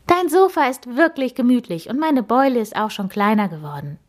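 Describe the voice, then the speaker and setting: A woman voicing a cheerful, inventive female wild boar tinkerer in a storybook reading, with a high, excited voice. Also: fairly quick, natural voice.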